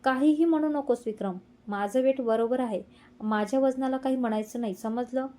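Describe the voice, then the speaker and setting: A woman voicing a shy young wife who is quickly flustered and pouting, in a mellow, fairly high voice. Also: lightly acted. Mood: indignant.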